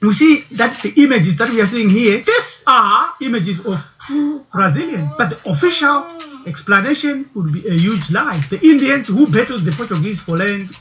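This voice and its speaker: A man reading scripted documentary narration in a measured way, posing rhetorical questions. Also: sits high, sing-song, a bit bright, muffled recording.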